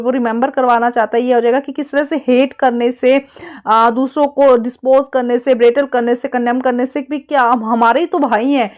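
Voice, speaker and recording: An Indian woman teaching an exam-prep lesson, explaining casually and reading English passages slowly and haltingly. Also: high-pitched, a little mellow.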